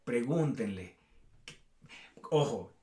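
Man, relaxed podcast talk, slangy, middle pitch, echoey room. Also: drawn-out words. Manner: relaxed, slangy, mimics voices. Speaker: podcast co-host. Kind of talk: casual chat.

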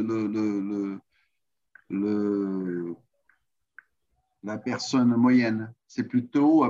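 Slow, halting Brazilian man speaking French. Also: medium pitch, a little mellow, highs cut off. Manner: halting, repeats words while searching. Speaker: student.

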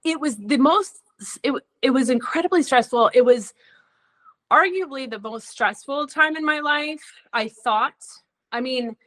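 A woman's voice: high voice, measured pace, a bit bright. A woman on a podcast frankly telling her own story in a chatty way, often slipping into quoted dialogue. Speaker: podcast guest. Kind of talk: candid personal storytelling.

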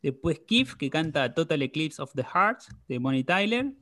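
A man's voice: on the high side, very animated, moderate pace, pushed and bright. A man with a Rioplatense Spanish accent, co-hosting a podcast and summarizing an episode in casual chat. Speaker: podcast co-host.

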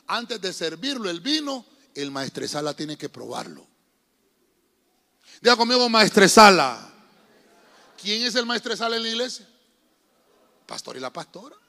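A man's voice: high voice, gravelly, bright, forceful tone. A man preaching as pastor to his church, emphatic and calling on the congregation to repeat phrases back to him. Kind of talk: sermon. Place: church hall. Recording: long church reverb.

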